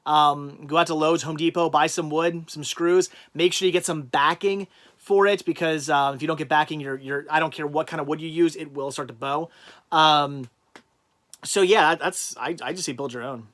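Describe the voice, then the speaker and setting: A man's voice: a little high, fairly even intonation, moderate pace, fairly bright tone. A man hosting a casual livestream, reading chat comments aloud and rambling through answers with many restarts. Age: adult with a child.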